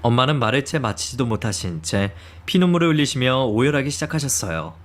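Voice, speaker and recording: A man giving calm scripted first-person narration for a radio story. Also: medium pitch, brisk.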